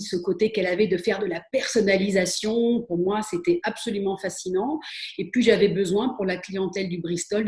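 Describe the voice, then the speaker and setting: A middle-aged woman, a spa and wellness expert, answers interview questions about her career with frequent hesitations, fillers and restarts. Her voice is lowish and a little mellow, recorded in an echoey room.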